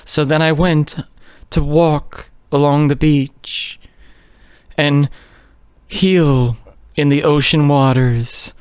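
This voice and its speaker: A man's voice: fairly high pitch, steady tone, slow pace, long pauses, clear, resonant tone, no room sound, studio quality. A man voicing an eerie barefoot middle-aged hippie woman who talks in a creepy, dreamy way.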